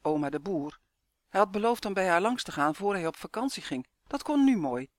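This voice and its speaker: A man narrating a storybook in a clear, even storytelling manner. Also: high-pitched, a little fast, no echo. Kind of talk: storybook reading.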